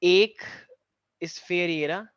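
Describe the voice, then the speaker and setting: A man's voice: sits high, slow, fairly bright tone, clear, resonant tone, dry recording. Teasing male physics teacher, dull recording. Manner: teasing, talks to students directly, mixes in English phrases. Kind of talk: classroom lecture. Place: classroom with students.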